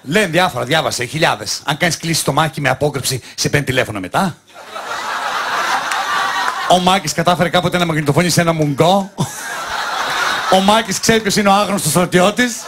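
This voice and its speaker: A man telling jokes on a comedy show, animated and acting out the characters in them. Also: on the high side, long pauses. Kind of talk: stand-up joke telling on a TV show. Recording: live audience laughter and noise.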